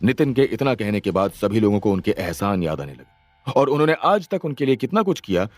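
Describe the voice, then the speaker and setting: A man's voice: fairly low pitch, very animated, brisk, dry recording. A man narrating an audio story with dramatic storytelling.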